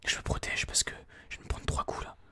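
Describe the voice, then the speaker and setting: Whispering close to a binaural microphone in ASMR style, this streamer talks through gameplay informally and hesitantly, thinking out loud. The pace is a little fast, the tone sharp.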